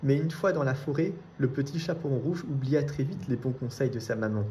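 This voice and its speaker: A man reading children's storybooks aloud in a steady storytelling way. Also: medium pitch, a little fast, a little hiss or hum. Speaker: reader.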